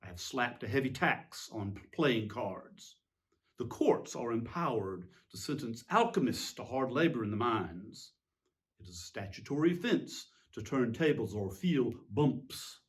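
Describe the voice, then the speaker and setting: A man playing a petulant, self-justifying tyrant king in a theatrical, pompous, indignant monologue with emphatic pauses. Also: mid-range voice, big pitch swings. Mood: exasperated, scornful. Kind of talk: theatrical dramatic monologue reading.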